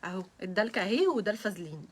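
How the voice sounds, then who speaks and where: A woman's voice: medium pitch, big pitch swings, very fast, slightly rough. A young woman with an Egyptian accent hosting a casual live stream, flustered and nervous and often breaking into giggles. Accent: Egyptian Arabic.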